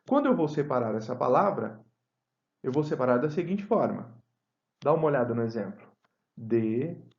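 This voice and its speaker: Slow-speaking man teaching grammar. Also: on the high side, darkish tone. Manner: slow, deliberate dictation of example words. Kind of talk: grammar lesson. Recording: roomy, dull lo-fi sound.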